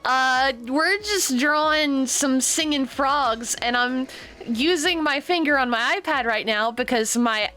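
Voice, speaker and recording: Bright-voiced giggly woman streamer. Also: high voice, takes it slowly. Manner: chatty, giggly, mutters to herself while drawing. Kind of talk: casual art stream chat. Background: faint music.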